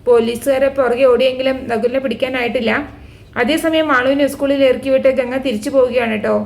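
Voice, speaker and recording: Fast-talking woman recapping. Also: high-pitched, fairly even intonation, gravelly, darkish tone. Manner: chatty, ends lines with a friendly tag. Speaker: serial recap host. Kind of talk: casual episode recap narration.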